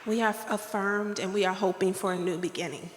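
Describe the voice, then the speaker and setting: A woman with a light, girlish voice gives a playful, preacherly keynote at a hotel ballroom awards dinner, speaking into a podium mic and drawing call and response from the room. Her mid-range delivery is brisk with fairly even intonation, while a loud crowd makes it very noisy amid echoing reverb.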